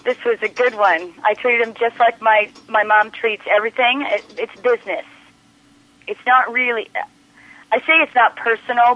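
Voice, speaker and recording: A woman's voice: a little high, pushed and bright. A woman speaking as a radio guest, earnestly recounting her experience and often restarting her words as she reflects. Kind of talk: personal account in a radio interview. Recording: dry, dull lo-fi radio audio.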